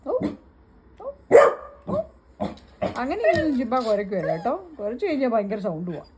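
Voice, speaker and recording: A woman's voice: fairly high pitch, sing-song, normal speed, background noise. A woman filming her pet dog, chatting casually to it and to viewers in a sing-song baby-talk way.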